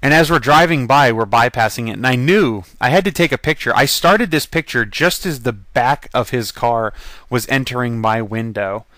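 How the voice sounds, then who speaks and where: A man's voice: mid-range voice, moderate pace, a bit bright, no echo. A man casually narrating a slideshow of his convention photos as a voice-over, chatty and rambling, with frequent ums and laughs.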